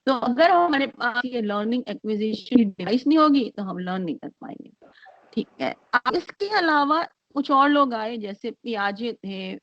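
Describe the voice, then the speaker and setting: A woman giving an online lecture, speaking slowly and hesitantly with many fillers, mixing Hindi and English. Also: fairly high pitch, lively intonation, no echo. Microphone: computer mic on a video call. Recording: dry, dull lo-fi call audio.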